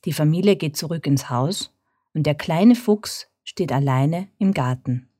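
Woman storyteller, bedtime story, slow and mellow, dry close sound. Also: low voice, dry recording. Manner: calm, measured.

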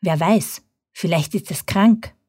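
A woman's voice: lowish voice, takes it slowly, darkish tone, husky, dry recording, clean studio sound. A woman voicing a wary human father warning his son in a storybook.

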